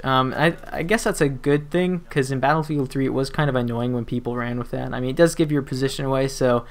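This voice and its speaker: A young man rambles through a gaming voice-over, full of ums and jokey asides. His voice sits at a plain middle pitch, recorded on a desk mic at home. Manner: rambling and chatty, with frequent fillers and restarts and playful asides. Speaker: gaming YouTuber. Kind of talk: casual gameplay commentary voice-over.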